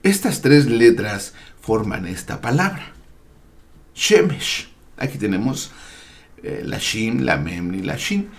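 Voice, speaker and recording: Guy teaching a torah lesson real slow, gravelly voice, pitch goes up and down a lot. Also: very animated. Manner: deliberate, spells out Hebrew words and letters, frequent "eh" fillers. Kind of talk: slow explanatory Bible lesson.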